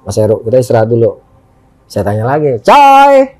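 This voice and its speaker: A man's voice: fairly low pitch, fast, no room sound, soft background music. A man telling a story in casual chat, acting out his friends' lines as he goes. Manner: animated, acts out friends' lines. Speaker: guest storyteller.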